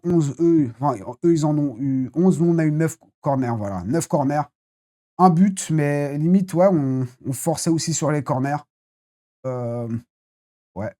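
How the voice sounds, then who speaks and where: Mellow, rambling football debrief host. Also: medium pitch. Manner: rambling and blunt, with casual swearing. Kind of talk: casual live post-match debrief.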